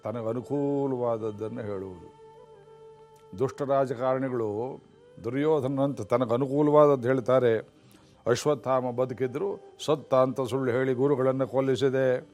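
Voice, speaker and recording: A man giving a religious discourse on an epic, chanting Sanskrit verses slowly and then explaining them in plain speech. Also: medium pitch, a little mellow.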